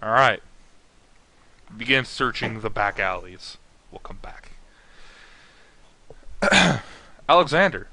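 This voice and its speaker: A male game master narrates a tabletop session in a casual, halting way, full of fillers. His voice is bright, in a middle pitch. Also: sing-song.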